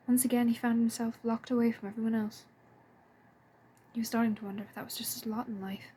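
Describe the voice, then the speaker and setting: A woman reading a story aloud in a soft, breathy and hushed way. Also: fairly high pitch, slight background noise. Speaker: fan audiobook reader. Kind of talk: storybook narration.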